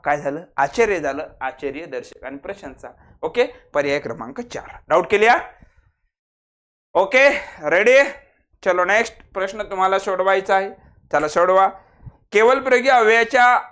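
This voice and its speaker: A man teaching a grammar class online with a Marathi accent, acting out exclamations with expressive swings and teasing his students. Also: sits high. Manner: lively, acts out exclamations, teases students.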